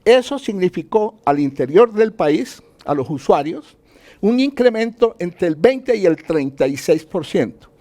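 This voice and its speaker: This Colombian speaker has a high, mellow voice that swings widely in pitch, and he takes his time. In an interview he plays the economist, working through his explanation point by point and answering the questions he poses.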